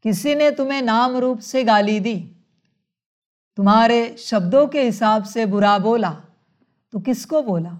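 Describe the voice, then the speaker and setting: A woman giving a spiritual sermon, speaking in a measured way, calling her listeners children and asking rhetorical questions. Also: on the high side, a little mellow. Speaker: spiritual teacher.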